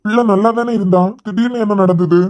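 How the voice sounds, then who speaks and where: A woman's voice: medium pitch, quick pace, darkish tone, close to an everyday voice. A woman voicing a worried, scolding older father in a cartoon series, with a Kanyakumari Tamil accent. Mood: concerned. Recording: dull lo-fi sound.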